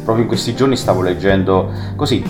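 Lower-voiced male radio host over music. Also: quick pace. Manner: rambling, leans on "insomma" and "no?". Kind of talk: radio interview.

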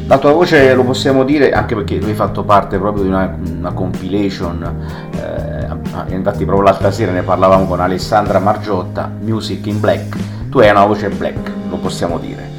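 A man's voice: deep voice, fairly even intonation, moderate pace, over music. A male radio host asking long, rambling questions, often filling with "insomma" and "no?". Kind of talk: radio interview.

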